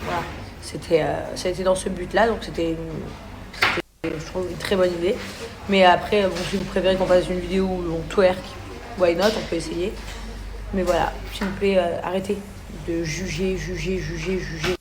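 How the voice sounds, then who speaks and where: A woman's voice: on the low side, fairly even intonation, moderate pace. A woman recording a rambling, indignant phone video at a doctor's office, full of hesitations. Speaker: social media personality. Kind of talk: selfie video message. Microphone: phone camera. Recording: loud background noise.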